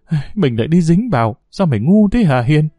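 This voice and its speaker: Male narrator doing a blunt young village woman in an audiobook, fast and sharp-tongued, raised pitch. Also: big pitch swings, no echo, clean studio sound. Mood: scolding. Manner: sharp, rapid, reproachful.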